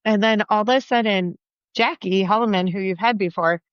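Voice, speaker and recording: A woman teacher and guest telling a lively story in casual chat, acting out what people said and leaning on "like". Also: medium pitch, normal speed, clear, resonant tone, no room sound. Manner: animated, acts out quotes with "like" fillers. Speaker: teacher and children's author, podcast guest. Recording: dry, slightly dull podcast audio.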